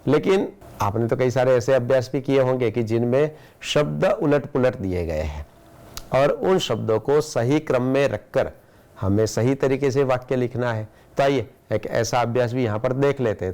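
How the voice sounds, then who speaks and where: An Indian-accented man speaks as a schoolteacher giving a recorded lesson. His pitch sits in the ordinary middle range for a man. He explains step by step, asks his students rhetorical questions, and slows down to read each example sentence with care. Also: darkish tone. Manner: slow, deliberate reading of example sentences. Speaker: school teacher.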